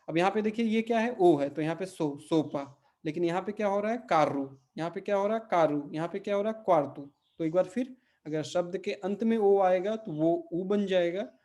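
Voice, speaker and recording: A man teaching a Portuguese pronunciation lesson, repeating each word slowly and checking in with his listeners. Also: on the high side, dark tone. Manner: patient, repeats words slowly and checks with "ठीक है?". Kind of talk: spoken language lesson.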